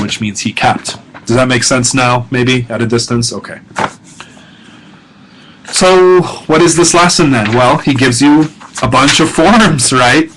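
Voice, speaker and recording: A man's voice: medium pitch, fairly bright tone, low-quality recording. A middle-aged male professor talking students through a grammar lesson, casual and self-correcting, with many fillers and check-ins. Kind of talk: recorded lesson narration.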